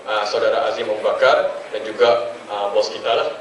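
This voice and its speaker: A man's voice: lowish voice, brisk, far from the mic, background noise. A young man from Penang with a Penang Malay accent moderating a student forum, hesitant with many fillers and light jokes. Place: large echoing hall. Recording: echoey hall, voice from afar.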